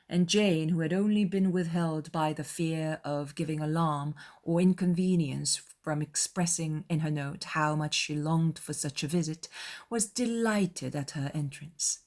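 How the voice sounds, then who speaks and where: A woman with a voice on the low side narrates an audiobook, reading scripted literary text in a measured, formal storytelling manner.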